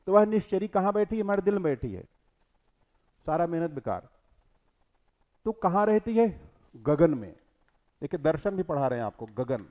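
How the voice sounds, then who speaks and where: A middle-aged man lectures a class and poses questions that he answers himself. His voice sits a little high for a man. The recording is muffled and lo-fi. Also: big pitch swings, normal speed, pauses often. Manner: explains verse line by line, asks and answers his own questions. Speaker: teacher.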